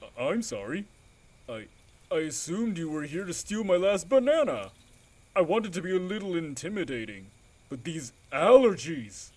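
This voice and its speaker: A man's voice: a little high, big pitch swings, moderate pace, a little mellow. A man voicing a timid male gorilla with allergies who apologizes and stammers. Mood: self-pitying. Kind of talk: fan audio drama acting.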